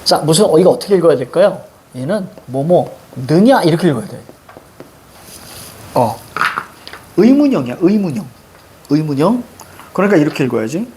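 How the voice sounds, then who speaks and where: A woman teacher giving a chatty classroom lecture, joking with students and reading old verse aloud slowly. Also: sits low, sing-song, warm tone, slight background noise. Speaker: Korean literature teacher.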